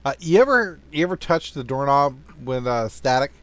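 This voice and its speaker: A man's voice: medium pitch, very animated, moderate pace, a bit bright, no echo. Man narrating as game master.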